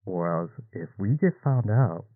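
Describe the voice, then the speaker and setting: A man voicing a stern male elf mission handler, talking gruffly over a radio-style doll. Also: sits low, lively intonation, a little slow, no room sound, narrow, tinny audio. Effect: talking through a toy walkie.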